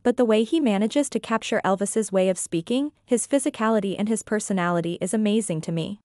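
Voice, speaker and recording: A woman who is both reviewer and author reads her scripted narration into a close mic with no echo. Her earnest, opinionated delivery is an even read-out at medium pitch and a little fast.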